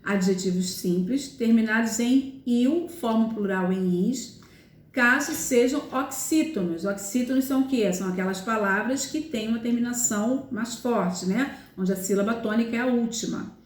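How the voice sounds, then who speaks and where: A woman teaching Portuguese explains grammar methodically in this recorded lesson, going over examples more than once and frequently asking "tá?" or "né?" to check on her students. She speaks at a normal pace in a slightly high voice, and the audio echoes.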